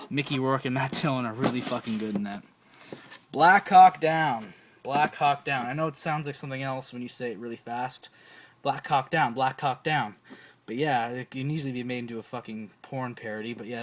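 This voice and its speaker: Young male film buff, casual and profane, excitable delivery, noisy room with clicks. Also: medium pitch. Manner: enthusiastic, swears often, repeats titles. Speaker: film collector reviewing his DVD shelf. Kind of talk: casual profane movie recommendations.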